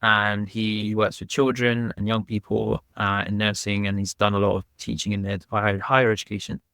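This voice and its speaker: A man with a low voice hosts a podcast interview. He puts questions to his guest in an easygoing, conversational way. The recording is close and dry. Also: level tone, moderate pace, gravelly, bright, forceful tone, clean tone, no echo. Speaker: podcast host.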